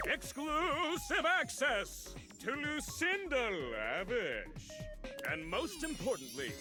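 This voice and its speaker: A man's voice: very high-pitched, heavily acted. An actor playing an armored loot salesman in a video game, using an over-cheerful customer service voice. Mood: chirpy, salesy. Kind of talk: video game character acting. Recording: game audio with background music.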